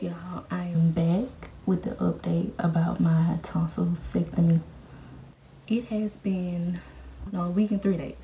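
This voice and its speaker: In a rough recording marked by clear room noise, a woman in her twenties from America talks informally to camera. Her voice is fairly low-pitched and dark, and she's vlogging conversationally from a small indoor room at home.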